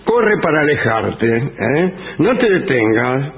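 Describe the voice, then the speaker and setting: A man's voice: medium pitch, very animated, slow pace. A man with an Argentine accent hosting a comic radio show, reading safety advice in a mock-solemn, ironic way. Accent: Argentine Spanish. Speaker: radio host. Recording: phone-like radio broadcast.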